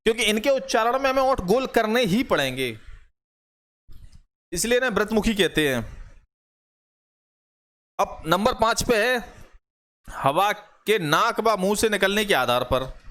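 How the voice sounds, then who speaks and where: Man, high voice, online grammar teacher, step-by-step explainer who repeats examples and quizzes the class. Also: lively intonation, unhurried, long pauses, a bit bright. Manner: explains step by step, repeats examples aloud and asks rhetorical questions.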